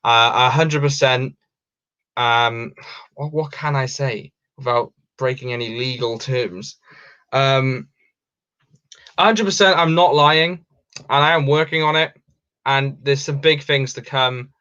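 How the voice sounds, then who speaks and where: A man's voice: mid-range voice, slow, long pauses, sharp tone, smooth. A young Welsh man hosting a casual livestream, reading out viewer questions and answering in a rambling way with many ums and restarts. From Wales. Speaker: livestream host. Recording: dull lo-fi stream audio.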